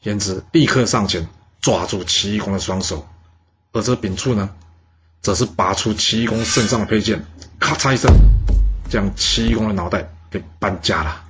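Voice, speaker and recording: A man telling a historical tale in a lively, colloquial way. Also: lowish voice, faint music behind. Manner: lively, colloquial, with many drawn-out particles. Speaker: storyteller. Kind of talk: historical storytelling.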